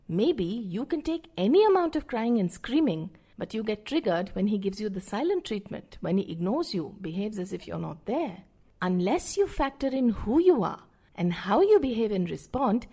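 A middle-aged woman narrating scripted parenting advice, speaking to the listener directly in a measured, explanatory way. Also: a little high, warm tone, slightly rough. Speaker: parenting podcast host.

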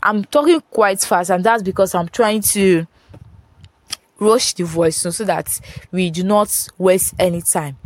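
A woman's voice: measured pace, no echo. Female teacher, voice-note grammar lesson, dry close sound, patient and repetitive. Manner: repeats points, checks in with "Do you understand?"; rises in pitch when stressing contrasts. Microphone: phone voice note.

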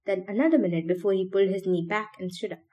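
A woman reading a novel aloud for a podcast in a steady, measured way. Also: mid-range voice. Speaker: podcast reader.

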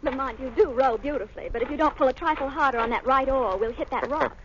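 A woman playing a poised young female companion of the hero in a 1930s radio drama, talking briskly. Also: sits high, a little hiss or hum, close to an everyday voice. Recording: muffled old radio recording.

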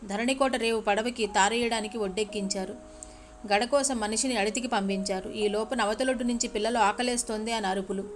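Woman telling a story, higher voice. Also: brisk, a little hiss or hum. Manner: expressive, addresses listeners politely. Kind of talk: storytelling podcast narration.

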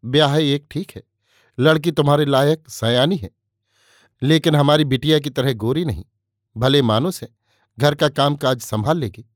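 An elderly village mother, motherly and plaintive, speaking a little higher than the reader's own voice, as a male narrator puts her on. Her lines come from a storybook reading. The recording is dry and close. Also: normal speed, no room sound, close to an everyday voice. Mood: coaxing. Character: elderly village woman, tearful then pleased, motherly.

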